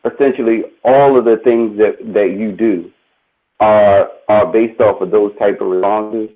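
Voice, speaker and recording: A man's voice: lowish voice, steady tone, unhurried. A man on a talk show panel, weighing in thoughtfully and circling back to rephrase his points. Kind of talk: casual talk show discussion. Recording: tinny phone-like call audio.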